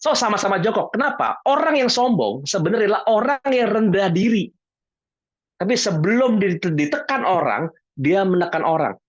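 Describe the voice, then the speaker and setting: Animated man, lively swooping voice. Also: high voice, no echo. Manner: lively, jokey, acts out little dialogues. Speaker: guest speaker on emotions. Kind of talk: casual talk answering questions. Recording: dull lo-fi online talk audio.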